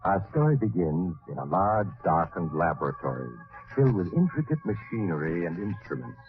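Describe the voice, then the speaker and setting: A man playing an eerie, suave storyteller who narrates 1940s radio suspense in a measured, theatrical way. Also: deep voice, very animated. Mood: grave, suspenseful. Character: eerie, suave male storyteller, the Mysterious Traveler. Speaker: narrator and host. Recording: old radio broadcast, tinny, music bed.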